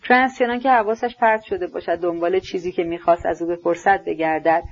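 A woman giving steady, scripted audiobook narration. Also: fairly low pitch, dull audio.

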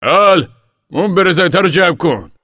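A man's voice: mid-range voice, wildly swooping pitch, a bit bright, no room sound, studio quality, pitched above the performer's own voice. A man voicing a weary middle-aged migrant father who speaks in short, plain calls to his family, in a storybook reading. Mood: gruff.

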